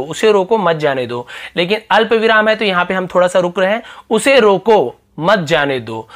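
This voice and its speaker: A male teacher giving a recorded grammar lesson, explaining patiently step by step and repeating each example sentence with pauses. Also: high voice, fairly bright tone. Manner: frequent "uh" fillers.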